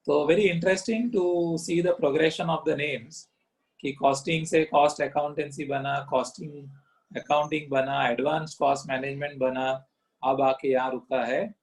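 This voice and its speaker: A middle-aged man lecturing, switching between languages, pausing often with fillers and checking in with "correct?". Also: fairly high pitch, fairly even intonation, low-quality recording. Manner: mixes languages, slow with many pauses and fillers. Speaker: teacher.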